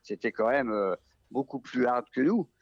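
A man from the Vosges with a Vosges French accent, a rural family doctor talking casually in an interview, relaxed and hesitant with many fillers and restarts. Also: medium pitch, moderate pace, slightly rough, muffled recording. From Vosges, France.

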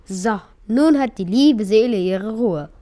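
A woman's voice: medium pitch, expressive, slow, mellow, pitched below the performer's own voice. A woman voicing a greedy, sly female cat who talks in a curt, irritated, dismissive way in a storybook tale. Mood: smug.

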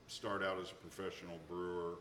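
A man hosting a casual interview podcast, chatty and quick to pile up repeated yeahs. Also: deep voice, completely flat delivery, sharp tone. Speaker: podcast host. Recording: echoey room, clear background noise.

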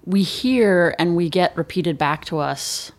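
A woman's voice: lowish voice, unhurried. A businesswoman with a Chicago accent, guest on an interview show, talking in an emphatic, candid, joking way. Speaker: agency chief executive, guest. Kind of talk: conversational interview.

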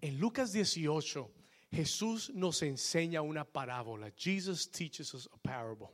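A male pastor delivering a sermon, switching between Spanish and English phrase by phrase and building to loud exhortations. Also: on the high side, lively intonation, a little slow. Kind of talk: bilingual sermon.

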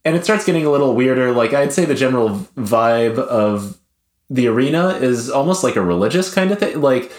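Man, casual chat, rambling, wry, hesitant, middle pitch, echoey room. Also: lively intonation, brisk.

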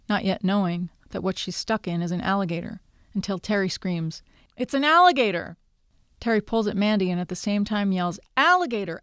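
A woman author reading her own short story aloud in a brisk, wry storytelling manner. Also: medium pitch, darkish tone, clean tone, no echo, studio quality.

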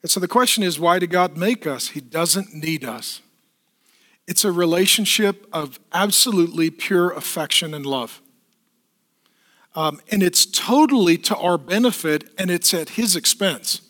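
A pastor with a fairly high voice preaches a lively sermon to his congregation in church, putting questions and quick asides to the people in front of him.

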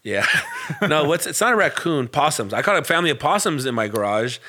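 A man's voice: on the high side, sing-song, brisk, pushed and bright. A young man co-hosting a casual podcast, telling a rambling story, swearing and searching for words. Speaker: podcast co-host. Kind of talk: casual chat.

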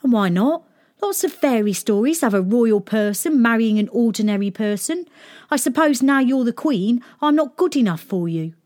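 A woman's voice: a little high, lively intonation, normal speed, darkish tone, voice pushed up, natural voice. A woman voicing a proud young shepherd boy who is vain about his looks, speaking in an indignant, boastful way. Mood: sulky.

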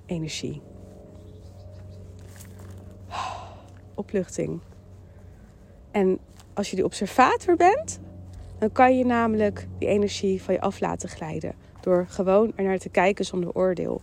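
A woman with a Dutch accent hosting a podcast, giving a calm, emphatic mindfulness talk that repeats phrases and voices the thoughts in her head. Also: medium pitch. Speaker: podcast host. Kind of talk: mindfulness monologue.

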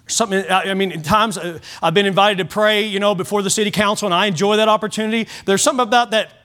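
A man's voice: sits high, fairly even intonation, quick pace, sharp tone. A man preaching a Sunday sermon as pastor, earnest and direct, often stumbling over and restarting his words.

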